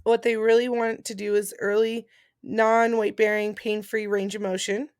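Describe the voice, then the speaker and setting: A woman's voice: mid-range voice, little pitch movement, normal speed, a little mellow, smooth, no room sound, clean studio sound. A woman chatting casually and informally as she explains things step by step. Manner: informal, explanatory, reading out points then paraphrasing. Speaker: vlogger and post-surgery patient. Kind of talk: casual chat about recovery.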